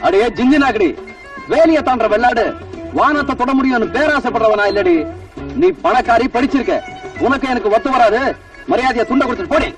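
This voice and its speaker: An actor playing a stubborn young village man who shouts and blusters. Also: extremely high pitch, fairly quick. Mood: gruff. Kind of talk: Tamil film dialogue. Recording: distant film soundtrack with loud music.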